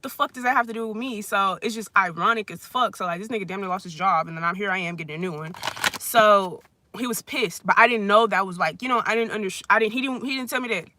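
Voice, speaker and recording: Fast, bright and forceful, this mid-range voice belongs to a vlogger in their twenties ranting through a storytime at a friend's place. The talk rambles, full of "like" and blunt, profane language, on a dry recording.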